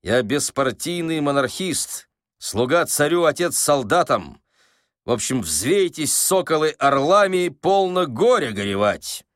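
A man's voice: fairly high pitch, sing-song, measured pace, a bit bright, dry recording, studio quality, voice pushed up. A man voicing a genial, self-assured con man who talks easily with a light mocking edge. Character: smooth confident male con man, genial and playful. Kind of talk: audiobook character voice.

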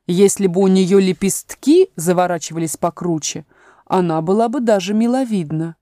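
A woman's voice: on the low side, normal speed, warm tone, no room sound, clean studio sound, lightly acted. A woman voicing a haughty, hot-tempered talking flower in a storybook reading, imperious and scolding.

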